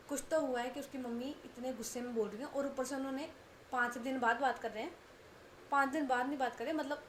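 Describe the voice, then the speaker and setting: A woman's voice: sits high, echoey room, slight background noise. A woman casually narrating a romance story as the channel's storyteller, chatty, often repeating herself. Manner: chatty, repeats phrases and asks "ठीक है".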